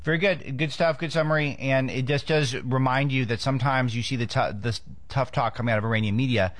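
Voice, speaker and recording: A man's voice: medium pitch, steady tone, quick pace, no room sound. A man from Los Angeles hosting a political commentary show, talking off the cuff with frequent restarts. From Los Angeles, United States.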